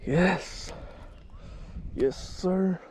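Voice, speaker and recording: A man vlogging a fishing trip outdoors, talking excitedly to his viewers on an action camera. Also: high-pitched, extremely slow, breathy edge. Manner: excited, talks to viewers as "you guys". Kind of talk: casual outdoor vlog narration. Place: outdoors by a lake on a windy day. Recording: outdoor camera mic with wind noise.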